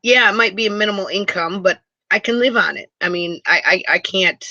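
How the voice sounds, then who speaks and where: A woman from Wisconsin talks to her viewers from inside her motor home in a bright, forward voice. She rambles, restarts her sentences and gets excited easily. The sound is dry and dull, like a lo-fi computer mic on a live stream. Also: medium pitch, a little fast, no room sound. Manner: chatty and rambling, with many restarts. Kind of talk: casual live chat with viewers. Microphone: computer mic for a video hangout.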